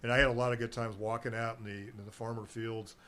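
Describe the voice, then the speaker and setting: A fast-talking middle-aged guest who sells herbal nutrition rambles chattily on local radio, drifting off topic and laughing easily. His mid-range voice has a flat delivery and a fairly bright tone, with a little hiss or hum behind it.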